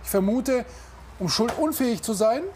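A man's voice: extremely high pitch, lively intonation, normal speed, a little mellow. A man playing a firm, questioning police officer in a reality drama. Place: greenhouse garden centre. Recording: noisy location sound.

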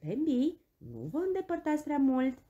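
A woman voicing an anxious, caring mother deer who cries out high and urgent in a storybook tale. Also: huge pitch swings, warm tone, dull audio.

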